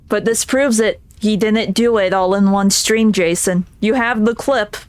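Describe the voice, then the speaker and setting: A woman's voice: medium pitch, dry recording. A woman streamer reading game text aloud on stream, casual and giggly, tripping over words now and then.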